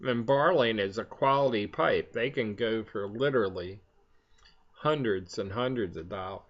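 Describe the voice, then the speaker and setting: An older man chatting casually in a rambling, halting way, talking around the pipe he is puffing on. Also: fairly low pitch. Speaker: vlogger. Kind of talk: casual chat to camera. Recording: dull, lo-fi sound.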